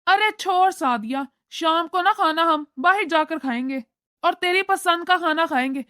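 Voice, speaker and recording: A woman's voice: extremely high pitch, normal speed, a bit bright, no room sound, studio quality. Woman voicing a doting cartoon brother. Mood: placating. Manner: soothing, placating. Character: easygoing young adult brother, doting on his sister.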